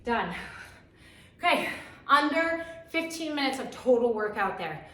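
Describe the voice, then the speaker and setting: In a very reverberant room, a little way from the microphone, a woman leads exercise as an aerobics instructor. Her voice sits on the high side, and she gives short, encouraging, energetic commands. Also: normal speed. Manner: encouraging, energetic coaching in short imperative cues. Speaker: fitness instructor leading a workout. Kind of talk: aerobics instructor cueing and counting down. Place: echoey room, exercising while talking. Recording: very echoey room, distant microphone.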